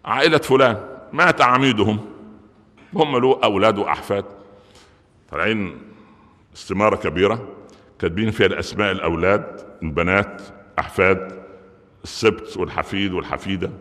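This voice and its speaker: A man's voice: on the low side, brisk, pauses often, a bit bright. A man with an Egyptian accent preaching a Friday sermon, joking and firing off rhetorical questions. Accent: Egyptian Arabic. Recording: long reverb of a large hall.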